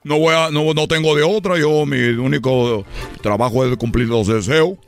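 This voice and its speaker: A man voicing a grumpy male lamp genie with a Cuban accent, who turns exasperated and shouts when annoyed. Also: fairly high pitch, normal speed, faint music behind, natural voice. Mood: grumbling.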